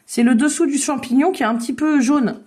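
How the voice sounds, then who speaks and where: High-voiced woman leading a kids' drawing class. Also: a little fast. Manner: lively, encouraging, make-believe narration. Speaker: children's drawing workshop leader. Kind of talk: playful storytelling drawing lesson for kids. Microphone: video call.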